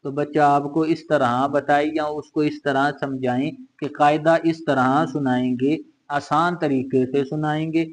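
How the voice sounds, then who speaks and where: Slow, patient male Quran teacher. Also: a little high, flat delivery, poor audio. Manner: patient, repeats letters and drills syllables aloud. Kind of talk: slow step-by-step recitation lesson.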